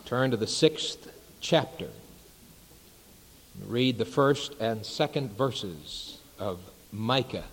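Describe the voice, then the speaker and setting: A male pastor leads his congregation through scripture and prayer at a slow, deliberate pace, leaving reverent pauses between phrases. His voice sits at an ordinary middle pitch. A long reverb trails every word in the large sanctuary. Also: lively intonation, slight background noise. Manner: unhurried, measured preaching with reverent pauses. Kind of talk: sermon. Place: church sanctuary.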